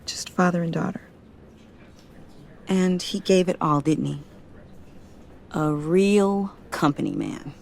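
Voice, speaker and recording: A woman's voice: fairly low pitch, slow pace, gravelly, pauses often, darkish tone. A young woman with an American accent playing a hurt, bereaved daughter in a video game drama. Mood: bitter sorrow.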